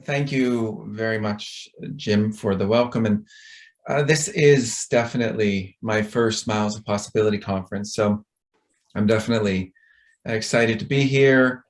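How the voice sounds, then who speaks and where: Middle-aged man, fairly low voice, chatty and rambling, self-deprecating, conference talk over video call. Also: normal speed. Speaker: conference speaker.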